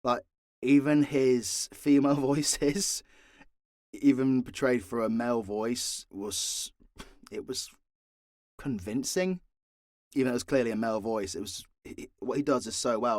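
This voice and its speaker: A British man with a medium-pitched voice, a voice actor who runs an audio channel, answers questions in an unscripted Q&A. He's casual and candid, swears freely and pokes fun at himself, and the recording has no room sound and a clean studio quality.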